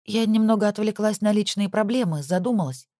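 An audiobook narrator voicing an excitable young woman lawyer who keeps protesting defensively. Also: medium pitch, fairly quick, dry recording, clean studio sound, pitched above the performer's own voice, natural voice. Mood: indignant, flustered.

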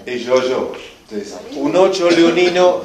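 A man with an Argentine accent giving an informal workshop lecture, emphatic and animated, often checking that the class follows. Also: on the high side, takes it slowly, crowd noise. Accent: Argentine Spanish. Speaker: enneagram teacher. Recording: echoey room, live class recording.

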